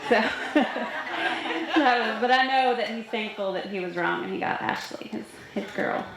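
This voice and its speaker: A woman's voice: on the high side, a little slow. Woman giving chatty wedding toast, very echoey. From Nashville, US. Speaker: bride's older sister giving a wedding toast. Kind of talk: informal wedding speech with anecdotes. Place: large reverberant room at a wedding reception. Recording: very echoey hall, faint noise.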